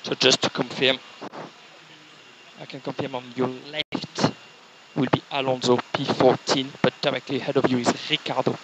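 A man's voice: mid-range voice, level tone, normal speed, a bit bright, lo-fi sound. A man working as a race engineer, giving methodically repeated instructions over race car onboard team radio with a radio filter. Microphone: radio headset. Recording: race car onboard radio, noisy, clicks, vehicle sound.

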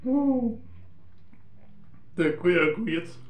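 A man chews food as he talks, slow and drawn-out, in a playful, joking manner. His voice sits a little high and rings in an echoey room. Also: expressive. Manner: joking, playful, sings snatches of songs. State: chewing while talking. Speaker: mukbang vlogger. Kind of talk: casual chat while eating on camera.

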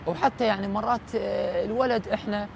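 Iraqi male cleric as interview guest, quick but halting, high-set voice, clear traffic noise behind. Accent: Iraqi Arabic. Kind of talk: reflective interview talk. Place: outdoors at night in a city park.

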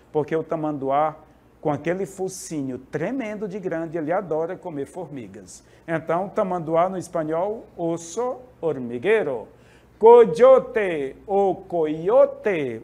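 A man from Brazil teaching Spanish vocabulary in a classroom lesson, lively and often asking the class for agreement. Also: sits high.

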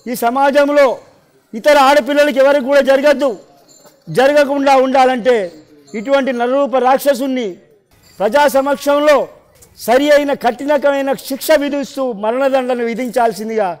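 A man making a forceful, emphatic public demand, speaking slowly. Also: extremely high pitch, fairly even intonation.

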